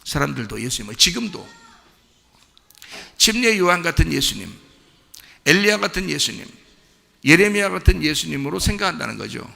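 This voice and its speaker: A male pastor delivers a conversational sermon, his voice bright and slightly gravelly, rising and falling in lively swings. He keeps checking in with the congregation through questions. The sound trails off in the long reverb of a church sanctuary. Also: a little high, moderate pace, long pauses.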